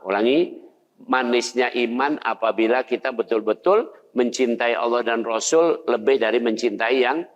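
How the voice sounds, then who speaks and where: An older male preacher, giving a conversational sermon and putting questions to his listeners. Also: mid-range voice. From Indonesia. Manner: conversational, asks the audience questions. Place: mosque hall. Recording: dull sound in a long-reverb hall.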